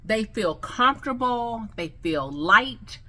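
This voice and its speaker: A woman vlogs casually about her new teeth in a selfie video, sharing her experience as a customer in an effusive, chatty way with a slight lisp. Her voice is fairly high, expressive, bright and forceful, and she speaks slowly.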